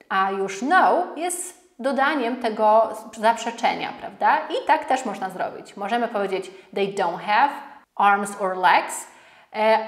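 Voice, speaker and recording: Slow, careful woman teaching in an echoey room. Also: fairly high pitch. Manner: slow, careful model pronunciation repeated for students. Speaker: English teacher. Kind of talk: language lesson explaining phrases.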